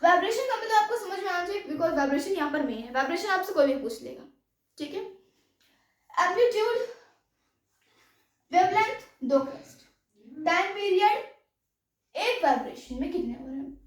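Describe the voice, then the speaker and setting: A woman's voice: very high-pitched, animated, normal speed, pauses often. A woman teaching a science class, explaining step by step in Hindi mixed with English terms and often asking if there are doubts. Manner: mixes English terms into Hindi, repeats checks like "any doubt". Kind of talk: classroom lecture. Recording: echoey room, voice from far off.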